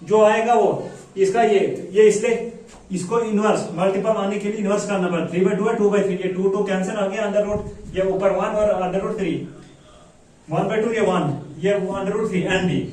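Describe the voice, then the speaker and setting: A man teaching a math lesson in plain spoken style, explaining slowly and repeating steps while checking that students follow. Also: high voice, steady tone, darkish tone. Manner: slow, repetitive explaining with frequent checks for understanding. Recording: echoey room, voice from a distance.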